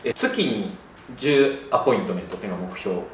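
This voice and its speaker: Male interviewer, probing and filler-heavy, animated quick delivery, roomy distant sound. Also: fairly low pitch, slight background noise. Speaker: interviewer, former HR staffer. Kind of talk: interview questioning. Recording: echoey room, distant mic.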